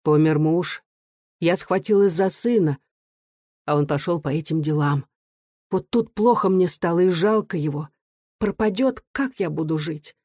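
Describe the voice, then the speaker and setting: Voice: medium pitch, a little slow, a little mellow, dry recording, clean studio sound, close to an everyday voice. Reader voicing an aching older mother. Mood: sorrowful. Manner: earnest, confiding. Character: kind weary older mother, pouring her heart out.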